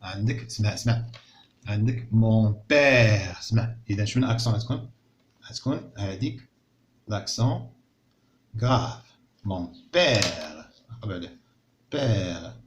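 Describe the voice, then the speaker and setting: A man teaching a recorded lesson in Moroccan Arabic. He repeats words slowly and carefully, then explains them in Arabic. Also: lowish voice, lively intonation, slight background noise. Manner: slow, drawn-out word repetition. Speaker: primary school teacher.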